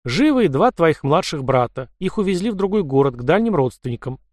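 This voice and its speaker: A man's voice: fairly high pitch, big pitch swings, a little fast, darkish tone, dry recording, clean studio sound. A man reading the part of a blunt, plain-spoken young Cossack man in an audiobook. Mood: sober.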